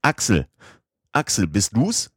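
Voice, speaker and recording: A man's voice: fairly low pitch, very animated, unhurried, no room sound, studio quality, pitched above the performer's own voice. A man voicing an older professor anxiously calling to his lost nephew in an audiobook. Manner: anxious, urgent calls.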